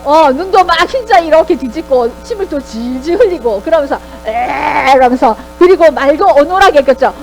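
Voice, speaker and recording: A woman Sunday school teacher giving a children's sermon in a lively way, often asking the kids questions. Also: sits high, a little fast, few pauses, faint music behind, rough recording.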